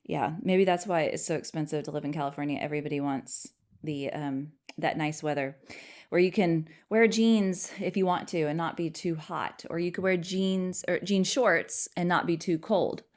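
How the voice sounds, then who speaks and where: A woman's voice: low-pitched, moderate pace, a little mellow. A middle-aged woman co-hosting a podcast, chatting casually with her husband, rambling and laughing often. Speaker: podcast co-host.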